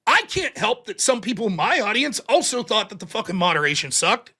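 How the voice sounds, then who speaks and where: A man's voice: high-pitched, sing-song, a little fast, pushed and bright, husky. A man streaming a heated, profanity-laced rant about a panel debate, talking indignantly and defensively. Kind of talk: heated ranting monologue.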